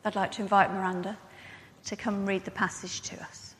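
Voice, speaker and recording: A woman's voice: mid-range voice, level tone, a little fast, a bit bright, slight background noise. A woman pastor preaching a sermon, telling a story about herself in a chatty, self-mocking way. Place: church. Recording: long church reverb.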